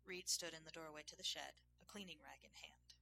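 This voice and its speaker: A woman reading a scripted story aloud in a soft, hushed manner that sometimes drops to a whisper. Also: low-pitched, steady tone, fairly quick, creaky, a little hiss or hum. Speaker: narrator. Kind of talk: scripted audio story narration.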